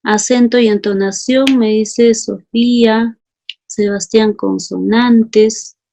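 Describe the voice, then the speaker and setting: A woman's voice: a little high, steady tone, takes it slowly, gravelly, mellow, a little hiss or hum. A woman teacher leading a class, calling on students by name and reading out their answers. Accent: Peruvian Spanish. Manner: calls students by name, asks for justifications.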